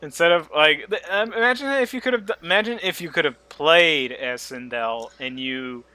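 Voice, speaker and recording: A podcast co-host with a fairly high pitch chats casually at a moderate pace while a crowd can be heard behind him. He retells scenes in an animated, joking way, laughing as he goes.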